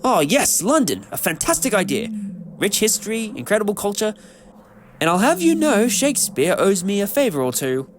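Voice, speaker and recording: Man playing the Doctor, a wildly animated eccentric adventurer. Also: sits high, normal speed, noisy background. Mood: delighted. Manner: theatrical, chatty, whimsical. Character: eccentric, excitable male time-travelling adventurer, talkative and whimsical. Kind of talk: fan audio drama acting.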